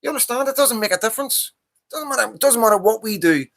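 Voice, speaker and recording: A very high, gravelly, slightly bright male voice, expressive and fast, belongs to a Northern Irish livestream host in his fifties. He rants heatedly and profanely about politics in a casual monologue, repeating himself often.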